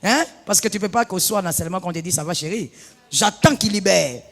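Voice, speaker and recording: A woman pastor preaching a sermon, moving from hushed tones to loud bursts. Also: medium pitch, brisk. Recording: long reverb of a large hall.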